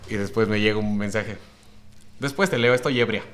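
A man's voice: on the low side, fairly quick, fairly bright tone. A young man hosting a podcast, telling stories in a jokey, chatty way. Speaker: podcast host. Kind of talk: casual podcast chat.

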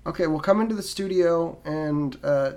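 A man's voice: fairly high pitch, normal speed, darkish tone. A man hosting a comedy podcast, rambling through absurd bits with lots of fillers. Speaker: podcast host.

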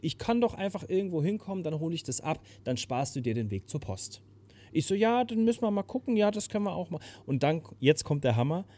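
A young man spins a story in a relaxed podcast chat. His pitch leaps around expressively, and he keeps bursting into loud shouted impressions. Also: quick pace.

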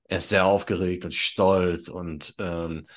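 A man narrating as game master in a tabletop role-play, halting and full of fillers. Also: sits low, fairly even intonation.

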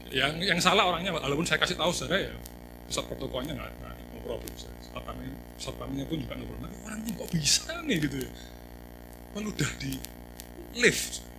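A man preaching a sermon in a lively, joking way, often calling out to his listeners. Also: mid-range voice, quick pace, noisy background. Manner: animated, jokey, addresses listeners as 'saudara'.

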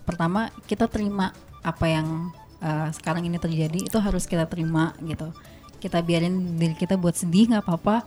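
Young woman with soft, slurred r sounds. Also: lowish voice, fairly even intonation, brisk, faint music behind. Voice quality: cannot pronounce r, softens it toward y. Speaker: podcast guest. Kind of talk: casual chat.

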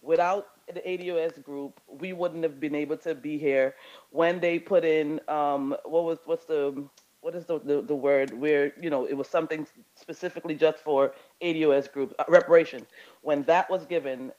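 A man from Guyana and Brazil talking in a casual discussion, halting and full of restarts. His voice is somewhat high for a man and comes through dull and lo-fi. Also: steady tone, darkish tone. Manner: halting, many fillers and restarts. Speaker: participant in an audio chat room. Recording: dull lo-fi audio.

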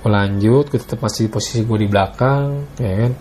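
A man tells a story in casual slang, acting out what each person said. His voice is mellow and dark, with faint noise behind it. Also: lowish voice, brisk. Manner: retells dialogue, often adds "Bang" and "gitu"; Jakarta slang. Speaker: guest telling a story.

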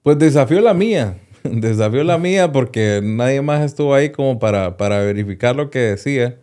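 A man's voice: medium pitch, lively intonation, normal speed, dark tone. A man, a doctor, telling a personal story in an interview, hesitating and often repeating small words as he goes.

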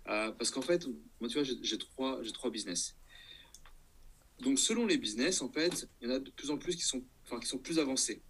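A man's voice: mid-range voice, lively intonation, a little fast, a bit bright, slight background noise. A man talking casually in an interview as an entrepreneur, hesitating and thinking aloud, often checking that the listener follows. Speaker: entrepreneur guest.

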